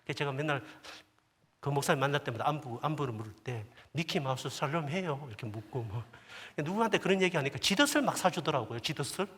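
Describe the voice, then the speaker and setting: A man's voice: mid-range voice, animated, fast talker, a bit bright, slightly rough. A male pastor preaching a sermon, telling stories with humor and frequent asides to the congregation. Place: church sanctuary at a prayer service. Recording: long church hall reverb.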